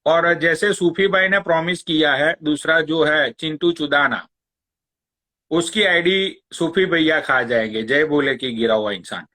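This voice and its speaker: A man's voice: a little high, unhurried, bright, forceful tone. A man hosting a live stream, ranting sarcastically and taunting a rival, swearing often. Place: Long Island, New York.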